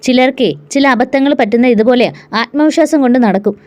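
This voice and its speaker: A woman storyteller voicing an older male schoolteacher and father who lectures in a deliberate way. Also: high-pitched, darkish tone, muffled recording, natural voice. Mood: lecturing. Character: stern older male teacher, cautious father.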